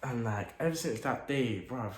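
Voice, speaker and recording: A young man, telling a story to camera in a casual, animated way, full of slang and acted-out reactions. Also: medium pitch, moderate pace. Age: late teens. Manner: animated, slang-heavy, acts out his own reactions. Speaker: vlogger. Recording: echoey room with faint noise.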